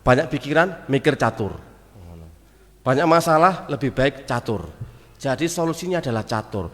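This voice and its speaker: A man's voice: mid-range voice, moderate pace. A man with a Javanese accent giving a casual mosque study talk, mixing in Arabic terms and acting out little everyday exchanges. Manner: lively, mixes Javanese and Arabic terms, acts out little dialogues. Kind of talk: casual sermon. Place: mosque hall. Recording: long hall reverb in a mosque.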